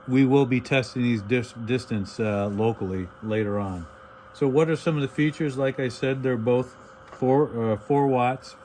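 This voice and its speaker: This man's voice sits lowish and sounds a little mellow. Acting as a video host, he gives a relaxed hands-on product review, walking through the features plainly and step by step while handling the gear, all captured in a clearly noisy home-made recording.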